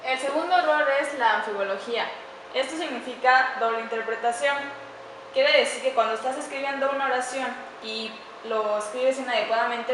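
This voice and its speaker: Bright-voiced woman explaining grammar, echoey room. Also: fairly high pitch. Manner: careful, slows down to spell out example sentences. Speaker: student presenter. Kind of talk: explanatory class presentation. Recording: echoey room with faint background noise.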